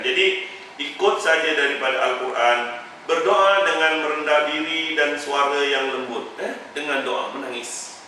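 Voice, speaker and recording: A man with a Malaysian Malay accent giving a lively Quran commentary class as a religious teacher, teasing and mimicking as he explains. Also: medium pitch, a little hiss or hum. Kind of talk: Quran tafsir class lecture. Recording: very echoey room, mic far off.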